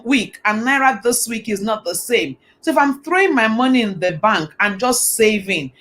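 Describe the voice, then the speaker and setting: A woman's voice: on the high side, fairly bright tone. A woman hosting a live online talk show, enthusiastic and affirming as she sums up and asks questions. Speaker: host.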